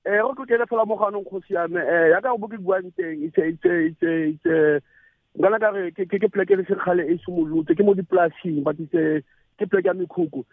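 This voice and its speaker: A man with a South African Setswana accent calling a radio show by phone, earnest and halting, repeating his words. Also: high-pitched, no room sound. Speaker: phone-in caller. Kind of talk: earnest spoken opinion, mixing languages. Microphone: telephone. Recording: narrow, tinny phone line.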